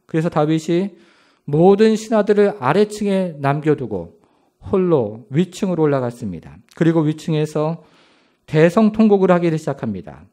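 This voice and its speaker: A man preaches a sermon in a dramatic storytelling manner and puts rhetorical questions to his congregation. His voice sits fairly high. His pitch swings widely from phrase to phrase. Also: warm tone. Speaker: pastor.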